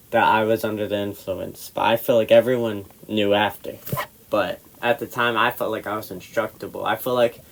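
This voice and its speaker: A man telling a casual personal anecdote in a halting, rambling way, full of fillers and restarts, getting animated in the heated parts. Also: fairly low pitch, rough recording. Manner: animated, swings louder when retelling the argument.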